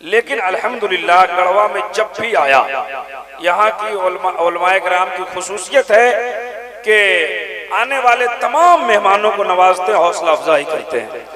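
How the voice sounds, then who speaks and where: Male preacher, high voice, rousing the congregation, stretches out recited verses, loud crowd behind. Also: lively intonation, rough recording. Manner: rousing, calls the crowd to respond loudly; recites couplets slowly and drawn out. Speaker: religious speaker at a gathering. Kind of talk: Islamic sermon to a live crowd.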